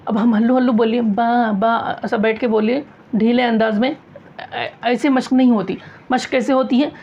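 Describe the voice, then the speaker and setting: A woman's voice: on the high side, steady tone, a little fast, muffled recording. A woman teaching a recitation class, repeating each point and asking and answering her own questions. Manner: repetitive, drilling, asks and answers own questions. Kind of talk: classroom tajweed lesson.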